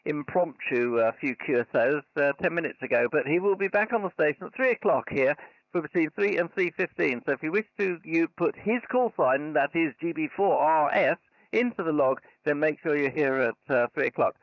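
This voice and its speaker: A man's voice: fairly high pitch, animated, moderate pace, no echo. A man working as an amateur radio operator, with polite procedural patter of call signs and signal reports, slightly muffled. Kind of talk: live ham radio contacts. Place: convention special event station. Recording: slightly muffled, dull sound.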